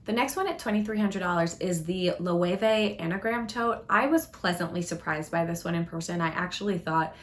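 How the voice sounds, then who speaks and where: A woman's voice: fairly low pitch, moderate pace, hardly any pauses, a little hiss or hum. A woman hosting a casual product review vlog, talking in a chatty, thoughtful way with hedging fillers. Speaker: fashion YouTuber.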